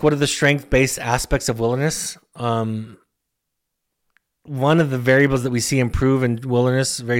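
Earnest man repeating his words. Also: medium pitch. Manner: earnest, stumbles and repeats words, slows for emphasis. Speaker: therapist. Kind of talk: answering listener questions on a broadcast.

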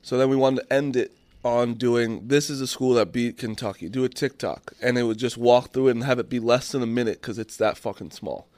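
A young man spins a long, rambling story in a casual chat, swearing as he goes. His voice is mid-pitched and ordinary. The sound is dry and close, with no room around it. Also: fairly quick, a little mellow, no room sound. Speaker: podcast host.

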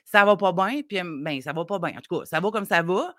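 Hoarse Quebec French parenting coach. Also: female voice, on the low side, expressive, fairly quick, fairly bright tone, dry recording, studio quality. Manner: reflective, explains step by step. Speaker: parenting coach, regular guest. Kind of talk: casual radio chat.

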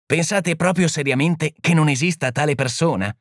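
In an audiobook reading, a man voices a proud, impatient, middle-aged criminologist who speaks brusquely and with scorn. His pitch is fairly high, raised above his own natural voice yet still close to everyday speech, and he reads at a normal speed. The studio recording is clean with no echo.

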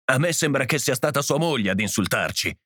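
A man's voice: mid-range voice, lively intonation, fairly quick, pushed and bright, dry recording, clean studio sound. A man voicing a curt, irritated husband who answers sharply in a clipped tone. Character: curt, irritated husband defending his home.

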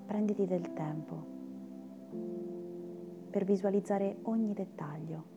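A woman guiding a meditation in a soft, soothing, breathy voice that slips into a spa-like whisper. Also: medium pitch, slow, dull audio. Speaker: meditation guide. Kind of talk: guided meditation. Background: meditation music with singing bowls.

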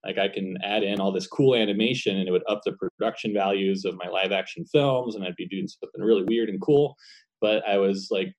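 A man with a fairly low voice talks casually about his craft as an animator. He rambles in a relaxed way, trailing into laughs often. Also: a little fast, rough recording. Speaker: paper cutout animator, guest. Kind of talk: casual conversation.

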